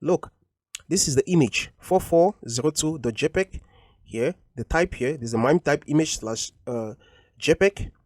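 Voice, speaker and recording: A man's voice: a little high, expressive, a little slow, no room sound, clean studio sound. Patient man walking through code. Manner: explains patiently, repeating points with frequent ums. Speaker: coding tutorial instructor. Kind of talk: screen-recorded coding walkthrough.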